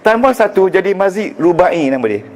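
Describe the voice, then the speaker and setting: A man's voice: sits high, sing-song, a little fast, darkish tone. A man with a Malaysian Malay accent teaching Arabic grammar to a class, joking and quizzing the students as he goes. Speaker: religious teacher. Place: lecture room with students.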